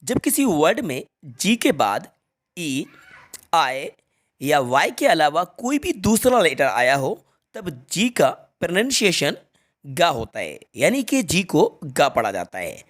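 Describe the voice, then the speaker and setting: A teacher runs through spelling rules with a lively, swooping voice that moves freely up and down. Each word is spelled out letter by letter and then repeated. The students get frequent direct reminders to note the rules. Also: medium pitch, slow pace. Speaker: English teacher. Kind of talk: spelling lesson explained in Hindi.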